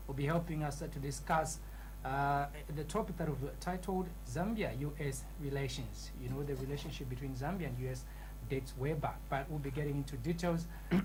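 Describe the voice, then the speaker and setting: A woman's voice: deep voice, a little mellow, poor audio. A woman hosting a TV talk show in a studio, speaking in a formal, ceremonious way.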